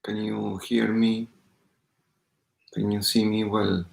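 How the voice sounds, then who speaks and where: Low, gravelly man in an echoey room. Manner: calm, unhurried, greets viewers by name. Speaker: meditation teacher. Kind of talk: live-streamed guided meditation talk. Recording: roomy echo.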